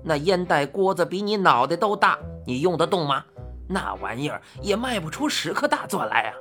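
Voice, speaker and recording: Gruff old man, as a woman voices him, grumpy storybook figure, slow grumbling drawl, swings up and down in pitch, faint music behind. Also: very animated, a bit bright. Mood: scornful. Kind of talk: storybook reading.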